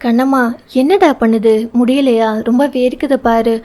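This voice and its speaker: A woman's voice: on the high side, steady tone, moderate pace, natural voice. A woman reading the part of a young husband in an audio novel, teasing and tender by turns. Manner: playful teasing, turns soft and pleading.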